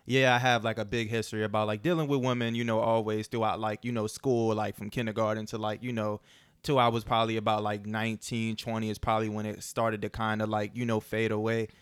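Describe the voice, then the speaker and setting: A man's voice: on the low side, level tone, fast talker, smooth, dry recording. A young man in casual faith chat, laid-back, with a heavy use of "like" and "you know".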